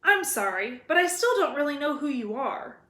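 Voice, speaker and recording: A woman's voice: high-pitched, sing-song, moderate pace, a bit bright, voice pushed up. Storybook young boy played by a woman: bewildered, polite, hesitant, recorded in an echoey room. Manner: hesitant, apologetic. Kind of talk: children's storybook read-aloud. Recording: roomy echo.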